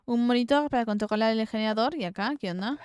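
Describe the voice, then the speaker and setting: A woman streamer with a Rioplatense accent giving casual gameplay commentary, reading game text aloud and swearing in excited outbursts. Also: fairly high pitch, quick pace, a little hiss or hum. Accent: Rioplatense Spanish.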